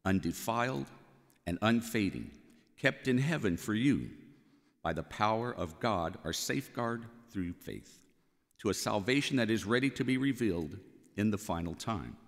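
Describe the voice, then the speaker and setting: Male lector, fairly low voice, formal scripture reading in a reverberant church. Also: expressive, normal speed. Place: large church interior, at a lectern.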